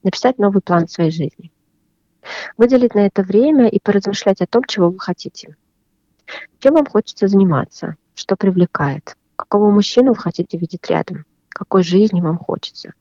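A woman psychotherapist giving calm, measured advice on a radio program. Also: medium pitch, no room sound, highs cut off.

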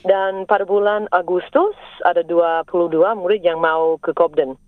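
Speaking unhurriedly in a lowish, fairly even voice, this Indonesian language teacher from South Australia, middle-aged and a native English speaker, is an interview guest answering in Indonesian. She keeps her phrases simple and careful, slipping in the occasional English word. There's no room sound, just a tinny, narrow-band phone line.

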